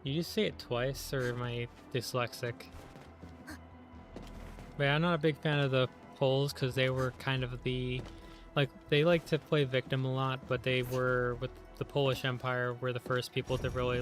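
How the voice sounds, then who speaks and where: A man's voice: medium pitch, little pitch movement, normal speed, soft background music. A man chatting casually while playing a video game on a live stream. He rambles with lots of filler words and is running on very little sleep. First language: English. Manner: rambling, chatty, heavy use of "like".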